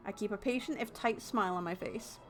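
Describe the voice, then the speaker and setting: A woman's voice: mid-range voice, fairly quick, soft background music. A woman streaming a story game, reading its text aloud and adding playful, sarcastic remarks. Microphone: desk mic, no headphones.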